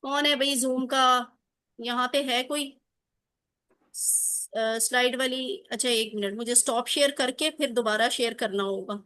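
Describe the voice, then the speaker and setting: A woman teaching a class over a video call, with a high and bright voice. She keeps encouraging her students and keeps putting questions to them. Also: fairly even intonation.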